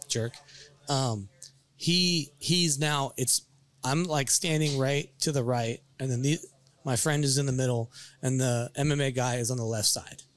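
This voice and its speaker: A man casually telling a story on a podcast, animated, swearing freely and acting out what people said. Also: mid-range voice, no room sound. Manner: animated, swears freely, acts out quoted lines. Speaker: podcast storyteller, bar worker.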